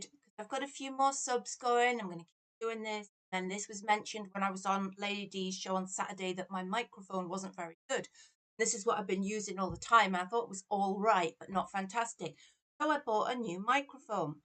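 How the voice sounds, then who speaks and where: A woman's voice: mid-range voice, fairly bright tone. A woman hosting a livestream, chatting casually and rambling in a self-deprecating way through a laptop microphone at her desk. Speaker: tarot reader and livestream host.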